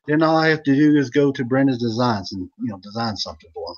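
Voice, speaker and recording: A man's voice: medium pitch, lively intonation, quick pace, muffled recording. A man who used to wrestle professionally, telling rambling joking stories in a casual chat over a video call. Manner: rambling storyteller, laughs a lot. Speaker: former pro wrestler and manager, guest.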